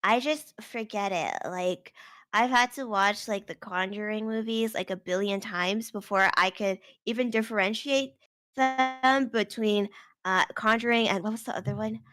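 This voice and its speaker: A woman's voice: medium pitch, moderate pace, a bit bright. A woman guest on a podcast, chatting casually and laughing often. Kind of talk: casual chat.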